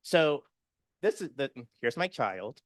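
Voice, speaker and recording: A man's voice: medium pitch, sing-song, slow, no room sound. A man giving a personal, earnest conference presentation with slides, full of fillers and restarts. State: emotional, near tears. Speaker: conference speaker.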